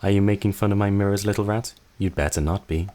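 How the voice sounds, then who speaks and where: A man's voice: lowish voice, steady tone, quick pace, dark tone, voice pushed up, lightly acted. A man voicing a cruel, vain young woman who taunts in a sing-song way. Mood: threatening.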